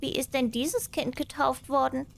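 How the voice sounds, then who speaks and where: A woman's voice: high-pitched, fairly even intonation, moderate pace, gravelly, voice pushed up. A woman voicing a small, trusting female mouse in a fairy tale, earnest and inquisitive. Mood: puzzled.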